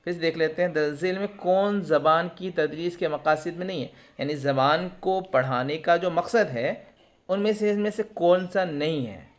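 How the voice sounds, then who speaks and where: A male teacher explains test questions, asking and answering his own questions and glossing terms in English. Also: fairly high pitch. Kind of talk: exam prep lesson.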